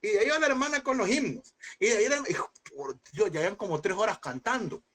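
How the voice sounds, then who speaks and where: A man teaching a Bible seminary class in a lively preaching style, asking rhetorical questions and acting out scenes in sudden high shouts. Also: fast. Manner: animated, mimics voices with sudden high shouts; addresses listeners as brother, rhetorical questions.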